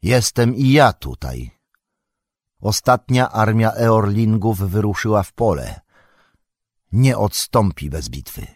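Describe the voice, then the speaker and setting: A man reading aloud, voicing an aged king who speaks with stern command, with a husky voice. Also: lowish voice, sing-song, slow, dry recording, clean studio sound, exaggerated voice. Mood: resolute.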